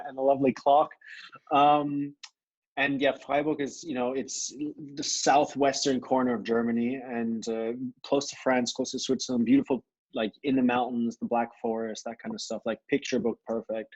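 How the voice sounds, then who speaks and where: A man from Thailand, a podcast guest, chatting casually in a relaxed, rambling way with many fillers and restarts, heard over a video call. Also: medium pitch, dull audio. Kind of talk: casual conversation. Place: grandmother's home.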